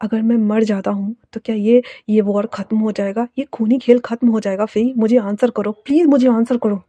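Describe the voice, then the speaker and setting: A woman voicing a young mafia man who speaks softly and earnestly, ready to sacrifice himself. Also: fairly high pitch, fairly even intonation, brisk, no room sound, natural voice. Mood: pressing. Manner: soft, quiet, earnest.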